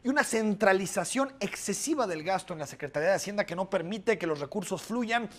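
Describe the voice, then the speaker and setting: Comentarista mexicano de voz aguda. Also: male voice, high voice, expressive, a bit bright. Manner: brisk explanatory delivery, listing points. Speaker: news commentator. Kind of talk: scripted news commentary.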